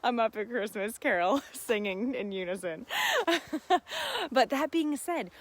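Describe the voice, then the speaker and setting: A woman with a fairly high voice and lively intonation runs an unhurried live Q and A. Laughter runs through her earnest, reflective chat, and she treats her audience like friends.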